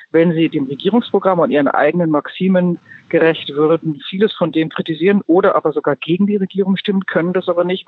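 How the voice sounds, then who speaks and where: A woman's voice: deep voice, breathy edge, no room sound, narrow, tinny audio. A woman correspondent speaking by mobile phone from a train, explaining things with hesitant fillers over a poor-quality line. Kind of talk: news phone interview.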